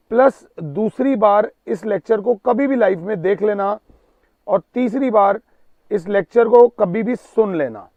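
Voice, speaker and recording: A man teaching a maths lesson, emphatic and pleading, reading out numbers slowly. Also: high-pitched, no echo. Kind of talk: classroom lecture. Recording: tinny narrow-band sound, dry.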